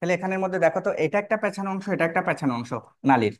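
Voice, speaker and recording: A man's voice: high-pitched, lively intonation, very fast, no echo, studio quality. A man teaching a biology lesson while drawing, repeating key terms and often asking his students questions. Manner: repetitive, checks in with "কেমন?" and rhetorical questions.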